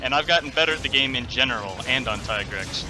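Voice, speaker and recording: A man hosts a gaming video with casual, running commentary at a middling pitch. He talks in an opinionated way and swears freely, with game music clearly playing behind his voice. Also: fast. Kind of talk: casual game commentary over live play.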